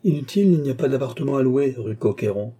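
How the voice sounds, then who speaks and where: A man voicing a lazy, phlegmatic brother who answers in short, flat replies, in an audiobook reading. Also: medium pitch, quick pace, husky, voice pushed up.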